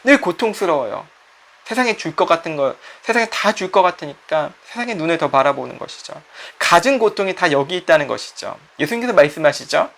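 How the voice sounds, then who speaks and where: A man's voice: fairly high pitch, expressive, fairly quick, creaky, a bit bright. A middle-aged man, a pastor, giving a conversational sermon that acts out quoted voices and puts questions to the listeners.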